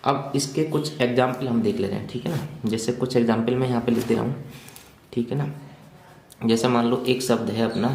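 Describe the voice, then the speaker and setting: Man drilling a grammar lesson, echoey room. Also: mid-range voice. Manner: repetitive question-and-answer drilling, explaining while writing. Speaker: teacher. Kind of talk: Hindi grammar lesson for exam prep.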